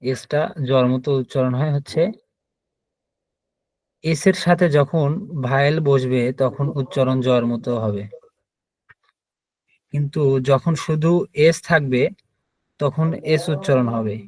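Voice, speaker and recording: A man leads an online language lesson at an ordinary pitch. He patiently spells out each letter one at a time. The sound is close and dry. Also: unhurried, pauses often, no echo. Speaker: German teacher.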